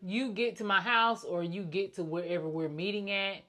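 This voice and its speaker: A woman co-hosting a podcast in casual chat, speaking in a flat, nonchalant, one-tone way. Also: medium pitch, moderate pace. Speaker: podcast co-host.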